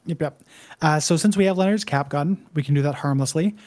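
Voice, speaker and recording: A man's voice: a little high, fairly quick, darkish tone. A man co-hosting a show, recapping a game story in loose, laid-back casual conversation. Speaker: co-host of a video game discussion show.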